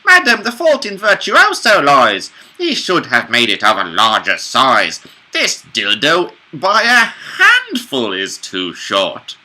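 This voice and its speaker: A man puts on a grandiose, lewd court lady from a Restoration comedy. The voice is pushed high and piercingly bright, with drawn-out theatrical lines. It is a stumbling cold read, declaimed very slowly. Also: wildly swooping pitch, exaggerated voice, poor audio. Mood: haughty complaint. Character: haughty, bawdy court ladies of a Restoration farce. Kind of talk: stumbling cold read of verse play, in character.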